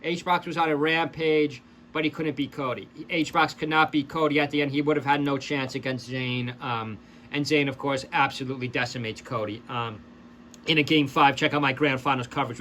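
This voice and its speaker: A man giving casual, excitable play-by-play commentary over fighting game footage, breaking off into chatty asides to his viewers. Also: a little high, a little fast, a little hiss or hum. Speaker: esports commentator and channel host.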